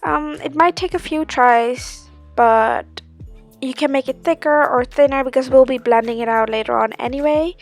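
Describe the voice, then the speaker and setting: A woman's voice: high-pitched, normal speed, soft background music. A woman giving a casual, chatty makeup tutorial, explaining step by step. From Sri Lanka.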